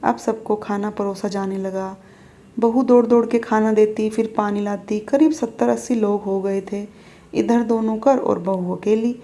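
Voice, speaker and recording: A woman narrating a moral family story in a steady, plain storytelling way. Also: mid-range voice, a little slow.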